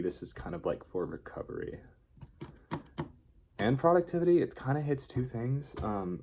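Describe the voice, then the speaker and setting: A man's voice: on the low side, a little mellow, a little hiss or hum. A man talking casually in an unscripted video diary, rambling and hesitant as he thinks aloud. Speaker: vlogger.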